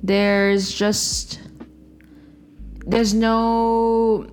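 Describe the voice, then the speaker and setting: A woman's voice: fairly high pitch, flat delivery, extremely slow, darkish tone, slight background noise. A woman chatting casually and informally as a podcast co-host, with an upbeat manner. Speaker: podcast co-host, outreach worker and teacher. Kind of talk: casual chat.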